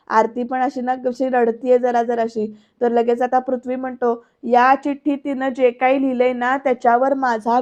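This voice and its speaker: High-voiced Marathi woman recapping a serial. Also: lo-fi sound. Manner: lively storytelling, addresses viewers directly. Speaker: serial episode reviewer. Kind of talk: voice-over recap narration.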